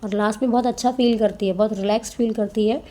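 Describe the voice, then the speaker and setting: A woman teacher, reading passages slowly and explaining them in a Hindi-mix, often adding tag questions. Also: fairly high pitch, steady tone, dark tone. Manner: reads English lines slowly, then explains in Hindi-English mix. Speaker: English teacher. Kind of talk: explaining a textbook chapter, reading passages aloud.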